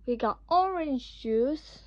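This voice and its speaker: A woman chatting casually as she sets up a dollhouse, with excited little exclamations. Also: sits high, slow, no room sound. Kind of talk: casual toy play commentary. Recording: dull lo-fi sound with clear background noise.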